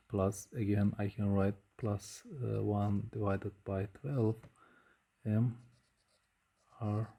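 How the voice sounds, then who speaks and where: A man giving a physics lecture at a board, speaking slowly with frequent "uh" hesitations while he writes. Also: lowish voice, mellow. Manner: slow, measured, frequent hesitations with uh. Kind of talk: whiteboard lecture.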